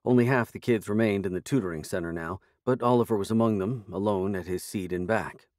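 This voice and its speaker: A man's voice: lowish voice, brisk, darkish tone, no room sound. A man narrating a fantasy audiobook in the first person, in a dry, wry storytelling manner.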